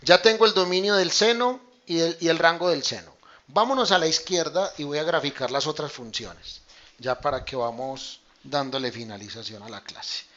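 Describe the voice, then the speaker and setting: A man's voice: on the high side, normal speed, fairly bright tone, lo-fi sound. A man teaching a math class online, explaining step by step in a casual way and often checking in with his students. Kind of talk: online class lecture with screen demonstration.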